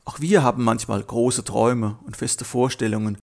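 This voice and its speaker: A man narrating a children's Bible story in a calm, gently expressive storytelling manner, briefly voicing the characters. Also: mid-range voice, moderate pace, gravelly.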